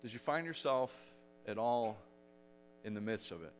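A man preaching a sermon as pastor, retelling the story dramatically and growing loud for the shouted quotes. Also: lowish voice, moderate pace, a little hiss or hum.

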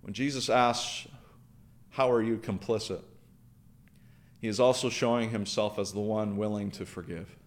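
A man's voice: lowish voice, fairly even intonation, normal speed, long pauses. A man preaching a sermon, earnest, building through repeated phrases and questions. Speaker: pastor.

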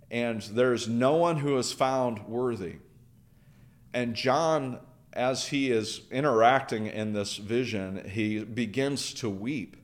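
A man preaching a sermon, earnest, building through repeated phrases and questions. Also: lowish voice. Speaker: pastor.

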